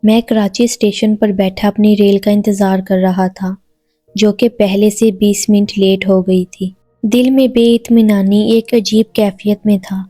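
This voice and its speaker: A woman narrating a first-person romantic audio story in an even, unhurried reading voice. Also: mid-range voice, dry recording.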